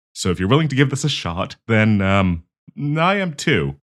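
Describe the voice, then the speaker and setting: This time the performer's voice is lowish and fairly bright, very animated yet a little slow. He acts out an awkward, stammering young man hesitantly admitting love to a friend, nervous and sincere, in an intimate audio roleplay.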